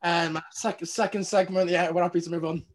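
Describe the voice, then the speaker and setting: A young man hosts in a relaxed, conversational style. His pitch is clearly high for a man, and he speaks as if among friends on a podcast. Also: fairly quick. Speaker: podcast host. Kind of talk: casual podcast chat.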